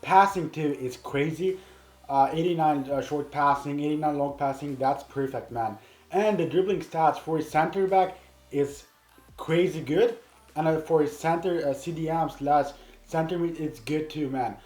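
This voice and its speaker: Excitable gamer man, roomy sound. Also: on the high side, moderate pace. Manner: repeats "man" at the end of phrases; excitable, with a loud hyped greeting. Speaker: gaming YouTuber. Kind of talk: casual gameplay commentary.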